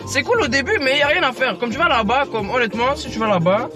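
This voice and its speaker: A young man talks in casual slang. He is in a car, and loud music plays behind him. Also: very high-pitched, animated, fast talker. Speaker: driver in a two-man car vlog. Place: inside a moving car.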